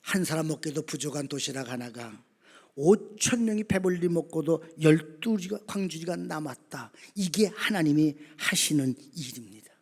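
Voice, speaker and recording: A male pastor preaching a sermon, swinging from quiet talk to shouted calls and often asking the congregation questions. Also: fairly high pitch, animated, moderate pace. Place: church sanctuary.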